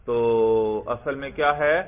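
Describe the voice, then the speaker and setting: A man teaching a classroom grammar lesson who asks questions and answers them himself, and recites text in a chanting tone. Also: medium pitch. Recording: tinny phone-like lecture recording.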